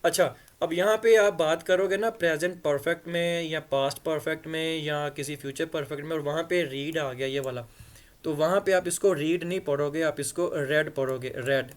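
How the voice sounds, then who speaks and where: Man, English teacher, casual lesson, slightly high voice, hesitant with fillers, slow English phrases. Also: fairly even intonation. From Punjab. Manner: explains in Hindi-Urdu, reads English phrases slowly; hesitant, many fillers and repeats.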